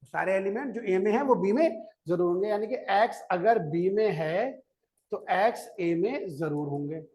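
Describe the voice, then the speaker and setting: Lively intonation marks this male maths teacher's high, darkish voice as he lectures at a normal speed. He coaxes his students, keeps quizzing them, repeats every step, and urges them to listen before taking notes.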